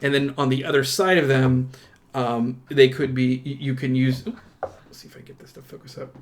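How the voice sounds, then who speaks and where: A man with a mid-pitched, steady voice hosts a tabletop game unboxing channel, presenting an unboxing indoors at a tabletop. He's enthusiastic and informal, a little halting, letting thoughts trail off before picking them up again.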